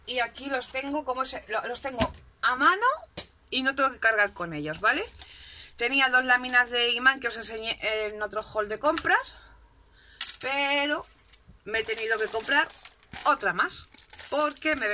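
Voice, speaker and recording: Sitting at her craft desk at home, a woman whose voice runs on the high side presents her shopping haul over a noisy background. Her manner is chatty and self-deprecating, and she keeps addressing her audience as this crafting vlogger goes along.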